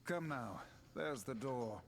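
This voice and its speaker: A man's voice: mid-range voice, animated, slow, slight background noise. An actor voicing a pompous, haughty male talking magic book in a video game, formal and condescending. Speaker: game character.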